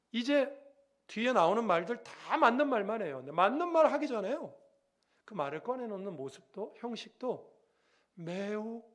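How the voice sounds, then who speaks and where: A middle-aged man preaching a sermon as pastor, telling stories with acted-out voices and asking the congregation questions. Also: high voice. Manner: lively storytelling, acting out quoted voices; asks the congregation questions directly.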